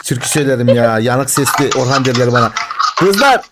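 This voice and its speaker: A man's voice: mid-range voice, lively intonation, a little fast, background noise. A man with a regional Turkish accent chatting casually and colloquially during a game, boastful and fond of repeating himself. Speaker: game streamer playing with teammates.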